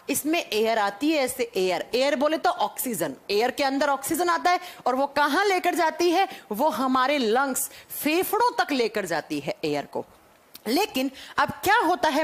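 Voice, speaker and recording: A woman teacher giving a class to children. She explains step by step and asks questions, then answers them herself. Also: high voice. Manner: addresses students as children. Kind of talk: live online class lecture.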